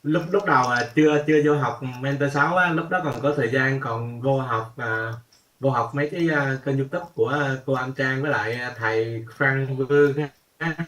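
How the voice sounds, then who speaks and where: A man's voice: mid-range voice, steady tone, moderate pace, fairly bright tone, far from the mic. A man joining a video call as a student, speaking hesitantly with repeated words and fillers. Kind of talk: casual chat on a video call.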